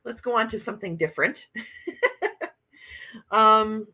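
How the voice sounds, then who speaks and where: A woman in her fifties hosts a casual livestream, chatting and laughing while she reads out comments from viewers. Her voice is medium-pitched with a sharp tone, and she speaks unhurriedly.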